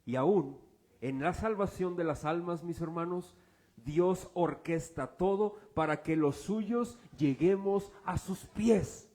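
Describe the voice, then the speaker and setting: A man preaching a sermon in church, swinging from loud exclamations to hushed low passages. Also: slow. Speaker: pastor.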